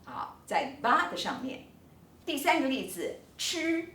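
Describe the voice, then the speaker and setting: A woman professor giving a recorded online lecture, explaining in an animated, emphatic way and stretching words for effect. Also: high-pitched, unhurried, roomy sound, far from the mic, slight background noise. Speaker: linguistics professor.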